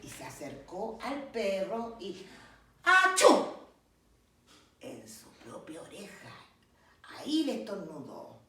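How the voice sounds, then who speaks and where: A woman slowly reading a picture book aloud to children, acting out the animal sounds. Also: fairly low pitch, very animated, a little mellow. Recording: distant mic, very echoey room, faint noise.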